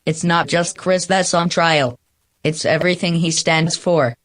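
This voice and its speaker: A woman's voice: fairly low pitch, fairly even intonation, measured pace, natural voice. A woman playing an earnest, idealistic male lawyer in a radio play.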